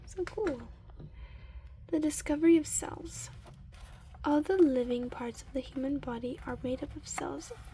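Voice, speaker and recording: A woman with a high-pitched voice does a soft, breathy ASMR book reading, unhurried and frequently sinking to a whisper, with murmured asides. The recording is low quality, with slight background noise.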